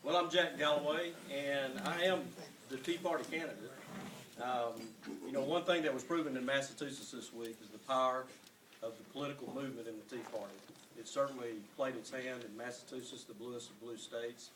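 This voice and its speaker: A mid-pitched man speaks earnestly and in a businesslike way at a campaign forum. He is picked up from a distance in a roomy, echoing space with a little faint noise. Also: a little fast, fairly bright tone. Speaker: political candidate. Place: large room at a public forum. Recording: echoey hall, picked up from afar, faint noise.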